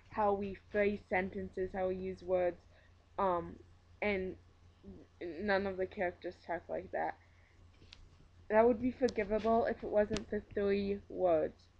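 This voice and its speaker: A woman's voice: medium pitch, muffled recording. A woman with a Minnesota accent giving a casual, opinionated book review rant, emphatic, blunt and joking in her exasperation. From Minnesota, USA.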